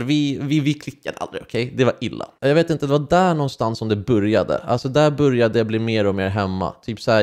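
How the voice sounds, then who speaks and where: A man's voice: mid-range voice, darkish tone. A young man, telling a personal story to camera in slangy, casual talk full of fillers and restarts. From Sweden. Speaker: vlogger.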